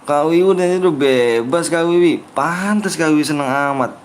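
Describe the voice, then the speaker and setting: A young man with a Betawi Jakarta accent chats casually during a game livestream, teasing viewers playfully and often mimicking their pleas. His voice is fairly high and moves at normal speed, with slight background noise.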